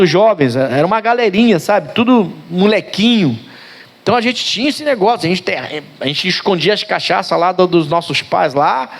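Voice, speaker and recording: A middle-aged male pastor preaching a sermon, telling a story from his youth, swinging from hushed and tender to loud and fiery, talking straight to his listeners. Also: sits high.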